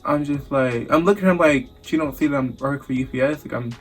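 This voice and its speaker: A man's voice: medium pitch, quick pace, faint music behind. A young man from the United States telling a casual, profane storytime vlog, acting out the voices of the people he quotes. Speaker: vlogger.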